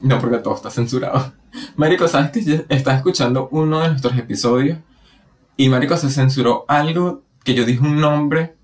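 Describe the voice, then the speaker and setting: A man with a Venezuelan accent co-hosting a casual podcast chat, animated and dramatic as he acts out the voices he quotes. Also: mid-range voice, a little fast. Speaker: podcast co-host.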